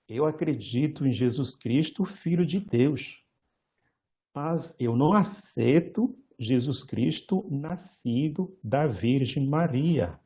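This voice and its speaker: A male priest giving a lecture-style sermon, slow and measured, pausing often and correcting himself mid-word. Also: medium pitch, expressive, mellow.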